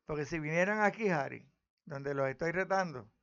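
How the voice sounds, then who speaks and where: Gravelly preacher, fiery. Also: male voice, fairly high pitch, normal speed, dull audio. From Puerto Rico. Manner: fiery, challenging, rising to loud declarations. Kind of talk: preaching commentary on scripture.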